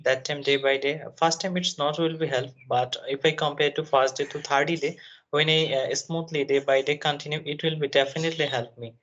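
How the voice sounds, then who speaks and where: A man from Bangladesh, a nursing student, speaking haltingly and searching for words in a conversation practice call. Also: fairly high pitch, fairly bright tone. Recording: dull lo-fi sound.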